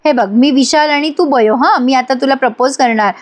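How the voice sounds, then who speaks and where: A woman's voice: sits high, normal speed, slight background noise, lightly acted. A woman voicing a playful, caring middle-aged aunt who coaxes and teases. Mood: coaxing. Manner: coaxing, teasing.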